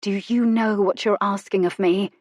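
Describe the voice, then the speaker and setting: A woman reading the lines of a desperate young man, hoarse and urgent. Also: medium pitch, steady tone, moderate pace, darkish tone, no room sound, clean studio sound, natural voice. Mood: strained, urgent.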